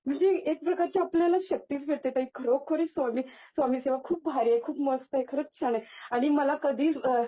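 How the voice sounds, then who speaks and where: A young adult woman, a guest, tells a personal devotional experience in casual speech, halting often with false starts and restarts. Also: high-pitched. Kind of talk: casual spoken testimony. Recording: tinny phone-line sound.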